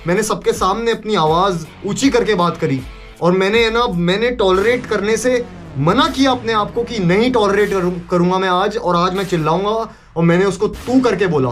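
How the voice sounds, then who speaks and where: A young man vlogging casually, retelling a story in an animated way and mixing in English phrases and swearing. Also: sits high, normal speed, soft background music.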